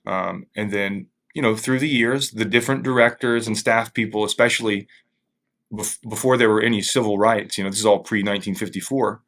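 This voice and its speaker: Man, interviewee, lowish voice; careful, halting explanations in a thoughtful conversational register. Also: fairly even intonation, fairly bright tone. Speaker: museum staff member being interviewed.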